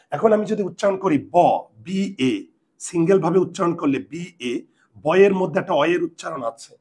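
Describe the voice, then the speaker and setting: A man teaching a grammar lesson to students, emphatic and repeating key points. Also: a little high. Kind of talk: classroom-style video lesson.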